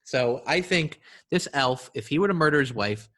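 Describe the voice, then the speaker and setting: A man co-hosting a comedy podcast, riffing in an animated, playful way. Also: medium pitch, moderate pace. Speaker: podcast co-host. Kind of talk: casual comedic chat.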